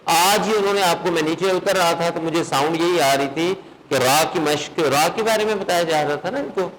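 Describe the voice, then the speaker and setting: A man's voice: fairly high pitch, a bit bright, slight background noise, rough recording. Man teaching recitation rules to a class. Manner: questions students, then chants verses in slow melodic recitation. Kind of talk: classroom lesson.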